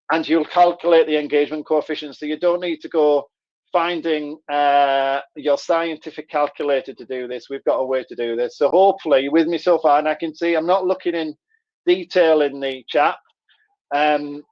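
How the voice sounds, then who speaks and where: A man with a Middlesbrough, Teesside accent explaining things conversationally as he presents an online workshop. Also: a little high. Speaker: webinar presenter. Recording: dull, lo-fi online call audio.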